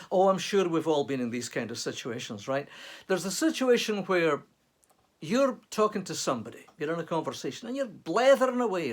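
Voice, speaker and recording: A man, an author, giving a chatty, reflective talk to camera full of rhetorical questions. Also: high-pitched.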